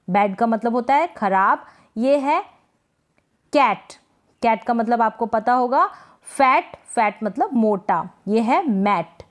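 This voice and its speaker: A woman teaching English pronunciation, slowly repeating words and quizzing the listener. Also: fairly high pitch. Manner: slow drilled word repetition with quiz questions. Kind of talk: spoken-word pronunciation lesson.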